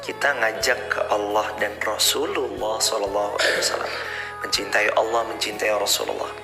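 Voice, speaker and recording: A man preaching an animated sermon to a congregation, asking rhetorical questions, with an Indonesian accent. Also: fairly low pitch, fairly quick, vocal fry. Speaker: ustadz preacher. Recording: echoey hall with music behind.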